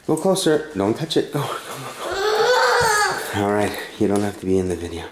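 Deep-voiced mother narrating a family vlog. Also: a little fast. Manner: excited, coaching children while filming. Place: dim room at home. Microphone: handheld camera filming. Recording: echoey home room, faint noise.

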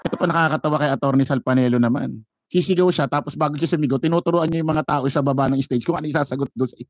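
A man's voice: fairly high pitch, racing. A Filipino man giving a casual, mocking commentary on a live stream, laughing often and mimicking chants. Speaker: vlogger commenting on a rally.

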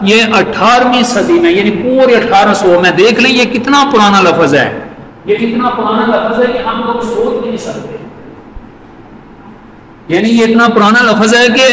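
A man teaching an exam-prep class, repeating each point and reading English lines slowly. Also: high-pitched, bright, forceful tone. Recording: echoey hall with faint noise.

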